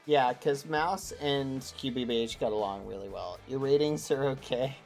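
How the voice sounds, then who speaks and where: A livestreamer chatting casually with viewers, with an excitable, gushing way of greeting people. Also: mid-range voice, normal speed, faint music behind.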